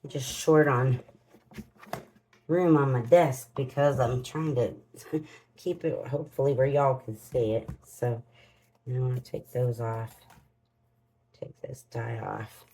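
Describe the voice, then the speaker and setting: A woman's voice: very deep voice, takes it slowly, long pauses, mellow, a little hiss or hum, low-quality recording. A woman hosts a casual crafting vlog, muttering to herself as she works in homespun phrasing. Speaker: crafting channel host. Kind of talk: casual unboxing and demo vlog.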